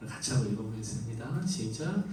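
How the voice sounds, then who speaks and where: A man preaching an expository sermon as pastor, lively, voicing the quoted lines in a raised voice. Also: mid-range voice, fairly quick, slight background noise. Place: church sanctuary. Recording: echoey church hall from far off.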